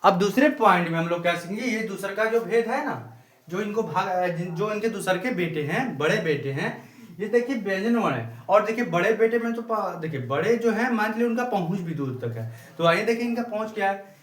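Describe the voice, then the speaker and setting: Male teacher, high-pitched, slow repetitive dictation style, echoey classroom sound. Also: animated, fairly bright tone. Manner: repetitive, drawn-out word-by-word dictation. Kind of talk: classroom grammar lesson. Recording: echoey room.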